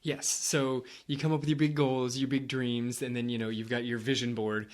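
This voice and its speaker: A man co-hosting a running podcast in a relaxed, loose casual chat, often repeating words. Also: medium pitch, normal speed. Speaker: podcast co-host.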